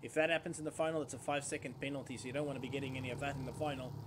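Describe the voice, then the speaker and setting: A man's voice: medium pitch, fairly even intonation, rapid-fire, slight background noise. A man giving live kart racing commentary as a motorsport commentator, following the action as it unfolds.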